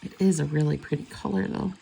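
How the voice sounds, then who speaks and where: A woman's voice: low-pitched, steady tone, fast, vocal fry, warm tone, slight background noise. A woman chatting casually and rambling as she does her nails. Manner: chatty, rambling, self-correcting. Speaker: nail vlogger. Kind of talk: casual chat while doing nails.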